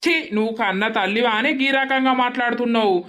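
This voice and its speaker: A worried young village man in a cartoon comedy, fretting aloud and snapping in exasperation, as a voice actor plays him. He has a Telangana accent and a middle-pitched voice. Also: quick pace, a bit bright. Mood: exasperated. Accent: Telangana Telugu. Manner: fretful, exasperated. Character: harassed young village man about to marry.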